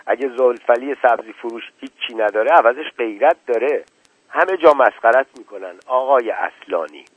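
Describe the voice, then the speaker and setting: A man's voice: mid-range voice, lively intonation, husky, no room sound, phone-quality sound. A man voicing a fierce, scornful wife and protective mother in a radio book reading, cutting in tone.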